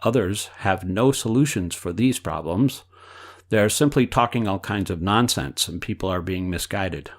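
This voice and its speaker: Guy reading out an old spiritual teacher, low-ish voice, measured, says quote and end quote. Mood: explaining. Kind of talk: reading a book aloud.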